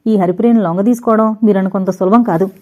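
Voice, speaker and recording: A woman voicing a proud, fiery young unmarried woman in an audio novel, speaking in a sharp, indignant, scolding way. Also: medium pitch, steady tone, fast, muffled recording, close to an everyday voice.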